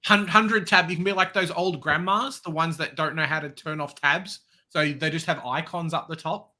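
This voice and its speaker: A man's voice: fairly high pitch, steady tone, moderate pace, pushed and bright. A man co-hosting a football live stream, laid-back and casual. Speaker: co-host.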